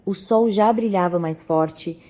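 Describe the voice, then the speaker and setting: A woman narrating a first-person family drama in a measured, even storytelling manner. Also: medium pitch.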